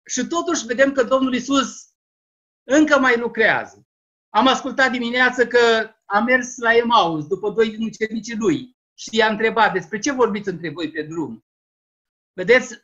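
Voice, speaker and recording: A man with a Romanian accent gives an earnest, slow, deliberate Easter sermon over a video call. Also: high voice, fairly bright tone. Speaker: lay preacher. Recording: muffled video-call audio.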